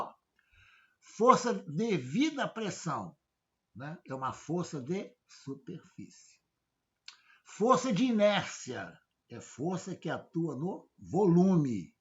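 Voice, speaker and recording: A male professor, giving an informal lecture, constantly checking in with rhetorical questions. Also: high-pitched. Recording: dull lo-fi audio.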